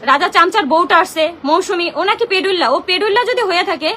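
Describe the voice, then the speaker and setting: A young Bangladeshi woman talks in a very high voice on her phone during a live stream, her tone bright and piercing. She complains in an agitated, confrontational way. A faint noise runs behind her. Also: quick pace. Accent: Bangladeshi Bengali. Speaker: social media livestreamer. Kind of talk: emotional live-stream rant.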